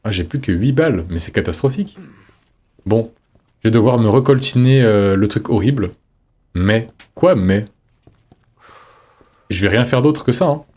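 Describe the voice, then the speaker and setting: Low, mellow-voiced man streaming. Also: expressive, normal speed, long pauses. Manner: chatty, reads in-game notes aloud, jokey asides. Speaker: streamer playing a horror game. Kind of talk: casual let's-play commentary.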